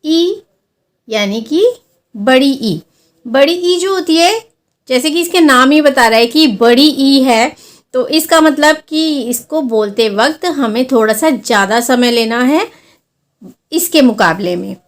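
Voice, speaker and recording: A woman with a high voice takes her listeners through a Hindi lesson. She explains each vowel sign patiently and step by step. She draws out example words slowly to show long and short vowels. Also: expressive. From India. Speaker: Hindi teacher. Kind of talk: classroom-style lesson explaining vowel signs.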